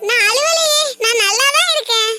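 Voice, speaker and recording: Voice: very high-pitched, moderate pace, over loud music. A performer voicing a tearful young married woman in a cartoon, denying her hurt to her sister. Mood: evasive. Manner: evasive, tearful denial. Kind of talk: cartoon voice acting.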